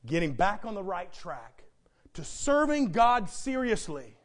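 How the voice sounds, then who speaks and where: A man's voice: high-pitched, very animated, unhurried. A man preaching a sermon as pastor, building emphasis through repetition.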